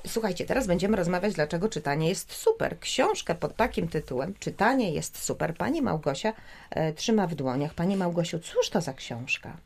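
A woman's voice: on the low side, expressive, gravelly. Encouraging woman hosting a studio chat. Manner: encouraging, questioning, quick interjections. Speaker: radio host talking with children. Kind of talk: lively studio conversation with kids.

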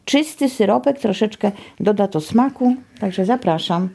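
A middle-aged woman giving a personal account as a teacher, phrasing her thoughts deliberately and reflectively. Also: mid-range voice, expressive, gravelly, dark tone, breathy edge. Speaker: Polish language teacher working in Ukraine.

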